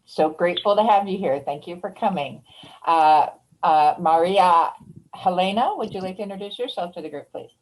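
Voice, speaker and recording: A woman's voice: fairly low pitch, normal speed, poor audio. A woman facilitating an online meeting, inviting each person to introduce themselves in a polite, formal, gracious way.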